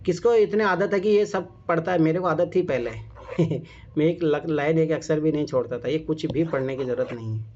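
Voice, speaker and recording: A man runs an exam-prep class in a casual, emphatic manner and keeps checking that his students follow along. His voice sits a little high for a man. The recording is dull and lo-fi. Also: fairly quick, darkish tone, slight background noise. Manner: emphatic, repeats "theek hai?" and "samajh mein aaya?". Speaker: teacher.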